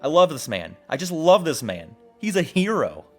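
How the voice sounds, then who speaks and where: Here a man's fairly high voice swings widely in pitch at a normal speed. He's the host narrating a video essay in an exclamatory, wry, casual way with some cursing, with music behind his voice.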